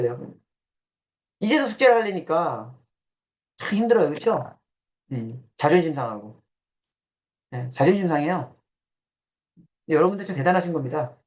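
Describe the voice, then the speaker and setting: Blunt, teasing Korean man lecturing. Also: on the high side. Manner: blunt and teasing, questions the audience; acts out quoted voices with coarse banter. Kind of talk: casual classroom lecture. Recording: dull lo-fi sound.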